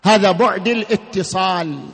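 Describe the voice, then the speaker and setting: A man giving a sermon-style religious lecture, emphatic, slowing and rising on key words. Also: high-pitched, creaky, a bit bright, breathy edge, big-room sound.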